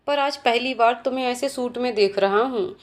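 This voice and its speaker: A woman's voice: a little high, moderate pace, close to an everyday voice. A woman doing a teasing young man. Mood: admiring. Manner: teasing, bantering delivery.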